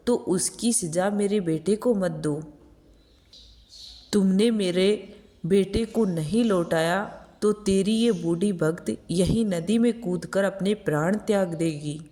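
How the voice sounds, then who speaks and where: A woman's voice: fairly low pitch, slow pace, dark tone. A woman voicing an elderly devout mother who pleads in grief, in a storybook reading. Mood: anguished pleading. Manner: pleading lament.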